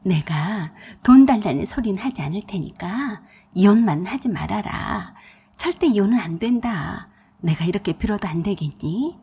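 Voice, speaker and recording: Woman doing a begging older father-in-law in his 60s, husky, kinda pleading. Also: medium pitch, lively intonation, normal speed, dark tone. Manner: begging, desperate.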